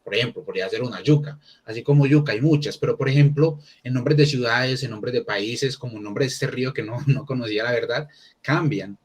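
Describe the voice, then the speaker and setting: A man's voice: medium pitch, fairly quick, slightly rough. A man teaching an English class online, talking casually and thinking aloud with many restarts.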